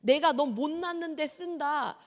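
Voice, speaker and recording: A woman's voice: sits high, measured pace, long reverb tail. A woman voicing her blunt older mother, who scolds her in an offhand, matter-of-fact way. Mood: teasing.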